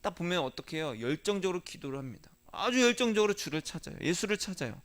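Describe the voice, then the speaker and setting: A male pastor delivering a Sunday sermon, asking the congregation rhetorical questions and moving between soft, quiet lines and emphatic ones. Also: sits high, very animated, quick pace.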